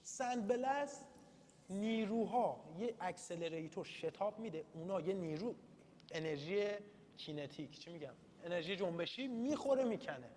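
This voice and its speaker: A man's voice: high-pitched, lively intonation, darkish tone. A male university lecturer giving an informal, chatty, self-deprecating study-session lecture in a classroom. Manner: chatty and self-deprecating, mixing in read-out English terms. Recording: reverberant room, faint background noise.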